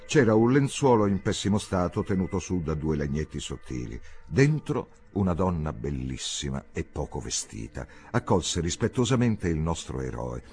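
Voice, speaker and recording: A man reading a classic novel aloud in an expressive, lively storytelling manner. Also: deep voice. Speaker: audiobook reader. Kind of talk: literary reading.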